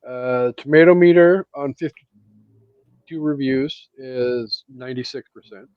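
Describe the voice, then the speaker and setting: A man's voice: medium pitch, clean tone, no room sound, muffled recording. A man co-hosting a casual movie chat with dry, teasing remarks. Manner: dry, teasing, slow-spoken. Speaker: podcast co-host.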